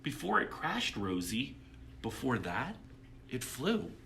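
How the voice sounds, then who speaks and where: A man's voice: mid-range voice, wildly swooping pitch, slow pace, vocal fry, sharp tone, slight background noise, heavily acted. A man voicing an elderly great-great-aunt in a children's storybook, wistful or exuberantly encouraging, with theatrical emphasis. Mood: excited, encouraging.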